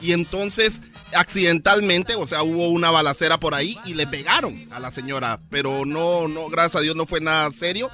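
A man chats on a radio comedy show, his voice high and strikingly bright. He explains things at length, stumbling over fillers as he goes. Soft music sits faintly behind him. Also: moderate pace. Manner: explains food and stories with many filler sounds.

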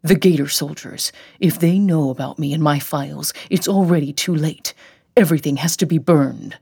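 Woman doing a paranoid old grandpa, suspicious and urgent, slightly husky, storybook reading. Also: sits low, moderate pace, darkish tone, full character voice. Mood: agitated, paranoid.

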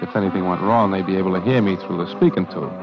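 A man's voice: deep voice, fairly even intonation, fast talker, lightly acted. A man playing a grim, wary carnival showman who narrates his own story in tense, clipped, hard-boiled lines, in an old radio drama. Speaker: narrator and lead character. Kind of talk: 1940s radio acting. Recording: dull lo-fi old radio recording with music.

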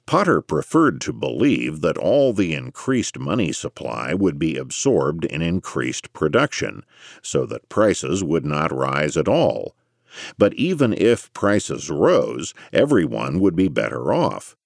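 A man reading scholarly history narration in a measured, erudite lecturing manner with dry emphasis. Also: rumbling low, very animated, creaky, dry recording. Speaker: audiobook narrator.

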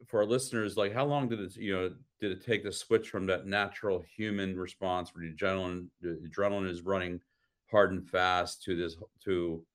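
A man hosting a podcast, asking long rambling questions full of "you know" and restarts. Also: low voice. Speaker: podcast host. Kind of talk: interview questions.

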